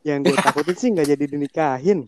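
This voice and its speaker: A man's voice: a little high, fast talker, a little mellow. A man with a Jakarta accent chatting casually in Jakarta slang with friends.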